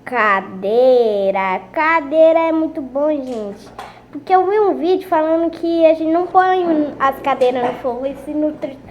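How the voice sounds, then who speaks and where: A woman's voice: high-pitched, measured pace, dull audio. A woman hosting a gaming channel, chatting casually to viewers at home and repeating her phrases as she plays. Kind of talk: casual gameplay commentary. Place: at home, family nearby.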